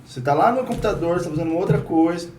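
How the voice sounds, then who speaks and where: A man interviewing a guest in a relaxed, conversational way, sharing his own experience and asking questions. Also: high-pitched, racing. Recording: roomy, distant mic, faint noise.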